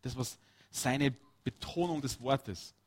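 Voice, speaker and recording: A man preaching a lively, chatty sermon, talking straight to his listeners with quick asides. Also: mid-range voice, slightly rough.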